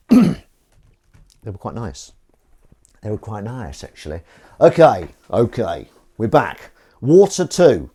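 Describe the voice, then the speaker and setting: A man's voice: medium pitch, dark tone. A man chatting casually on a live stream while washing up at his kitchen sink, rambling and self-deprecating.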